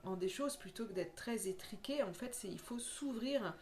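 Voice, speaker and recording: Her voice is a bit high and darkish, with lively intonation at an ordinary speed, and a little hiss or hum runs underneath. As a medium reading oracle cards in an informal spiritual vlog, she rambles sincerely and keeps restarting.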